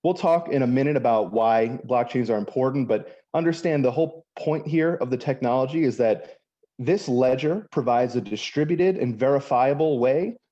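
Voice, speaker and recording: Mellow-voiced male attorney presenting. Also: medium pitch, highs cut off. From Miami, Florida. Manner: quick, explanatory, many fillers. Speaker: attorney, panel speaker. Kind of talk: conference presentation.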